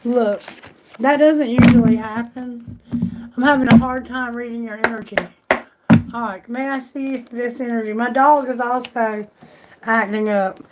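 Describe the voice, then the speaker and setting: A woman's voice: fairly high pitch, steady tone, unhurried, very noisy. A woman doing a live tarot reading, chatty and exclamatory, thinking aloud, and losing her voice. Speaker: tarot reader.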